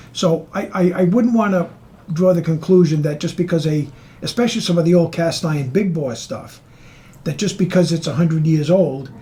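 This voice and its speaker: A man from a water board answering interview questions in a deliberate, earnest way. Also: fairly high pitch, mellow, low-quality recording. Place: on a tour of the water department.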